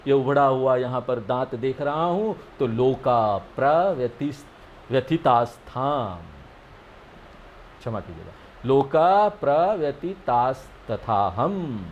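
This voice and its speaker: A man giving a scripture lesson. He explains each verse slowly and often checks with his listeners. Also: a little high, muffled recording, slight background noise. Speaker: spiritual teacher.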